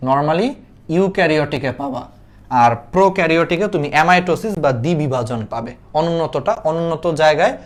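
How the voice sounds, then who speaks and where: A young man teaching an online biology class in a chatty way, repeating key points and asking them back as quiz questions. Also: a little high. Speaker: biology tutor.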